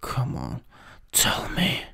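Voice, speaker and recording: Close to a USB microphone, an Italian-accented man improvises an ASMR scene as a cruel vampire master taunting his servant. Slow and partly whispered, his breathy, husky, gravelly voice has a sharp tone and a menacing, drawn-out, condescending manner.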